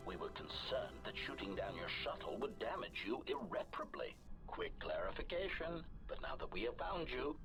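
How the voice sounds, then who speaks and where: A man's voice: medium pitch, rough recording. An actor playing a cold, menacing male assassin droid through a metallic robot filter, clipping his words into labeled statements as his systems give out. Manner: announces each line's intent in clipped labels. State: malfunctioning, systems failing. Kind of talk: video game voice acting. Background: game music.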